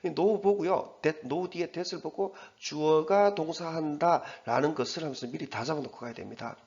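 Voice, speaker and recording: A man teaching English, going through an exam passage in a chatty way and reading the English words slowly. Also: on the high side, darkish tone, muffled recording. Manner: chatty, repeats himself, reads English slowly word by word.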